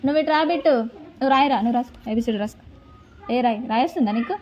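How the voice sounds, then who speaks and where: Brisk, bossy mother vlogging. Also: high-pitched, dark tone, lo-fi sound. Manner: scolding, bossy with children. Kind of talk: casual home vlog. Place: home. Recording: noisy home recording.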